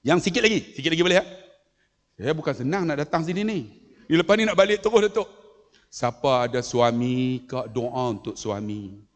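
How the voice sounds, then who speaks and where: A man preaching to an audience, telling a family story and acting out its voices, moving between loud and hushed. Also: mid-range voice, expressive, fairly quick. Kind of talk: storytelling religious talk. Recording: long hall reverb.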